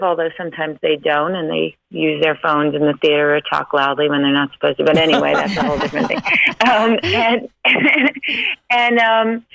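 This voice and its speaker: A woman's voice: on the low side, creaky, dry recording, rough recording. A woman guest chatting casually over a landline phone, laughing easily with many ums. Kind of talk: casual interview chat.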